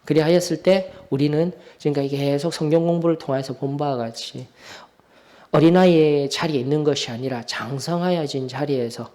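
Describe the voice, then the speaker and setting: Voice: medium pitch, dark tone. A church Bible study teacher leading a Sunday class, earnest and exhorting, putting questions to the listeners.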